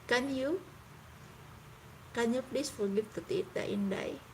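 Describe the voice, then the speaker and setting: This Filipino streamer speaks English with a Visayan accent, Cebuano being her native tongue, and keeps stopping to find words as she chats with viewers. Her slightly high, somewhat mellow voice moves at a measured pace, and the phone mic picks up a little hiss or hum.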